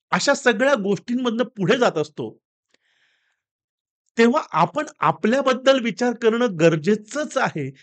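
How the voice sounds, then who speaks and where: A man delivers a motivational talk built around a story, his voice high for a man and swinging widely in pitch. He speaks in an animated, direct way, addressing listeners as friends.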